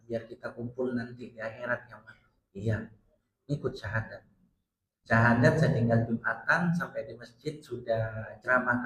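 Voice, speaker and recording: A middle-aged man preaching in a mosque, telling a personal family story with heartfelt, rising emphasis as he acts out the dialogue. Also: medium pitch. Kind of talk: emotional storytelling sermon. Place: mosque hall. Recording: roomy mosque echo.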